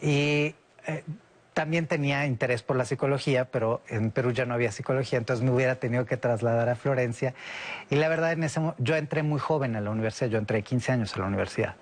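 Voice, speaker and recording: A man in his forties who grew up in Italy, a guest in an interview, explaining at length and often pausing to search for words. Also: medium pitch. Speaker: guest, director of a citizen security observatory. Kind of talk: casual interview talk.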